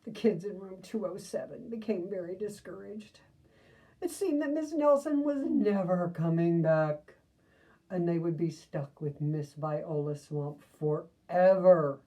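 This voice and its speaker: Slow, gentle woman reading a storybook. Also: lowish voice, expressive, far from the mic, rough recording. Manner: slow, gentle, asides to young listeners. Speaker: storybook reader. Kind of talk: reading a picture book aloud to children.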